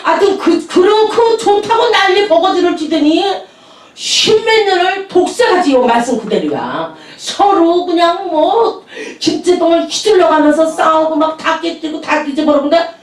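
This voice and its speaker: A woman's voice: very high voice, lively intonation, normal speed. A woman pastor telling chatty anecdotes in a sermon, laughing often as she speaks. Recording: echoey room, distant mic.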